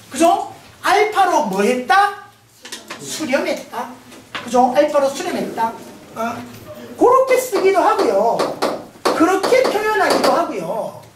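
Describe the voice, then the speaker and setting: A woman with a Gyeongsang Korean accent teaching a math lecture, playful and often laughing as she questions the class. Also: high voice. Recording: roomy, distant mic, noisy.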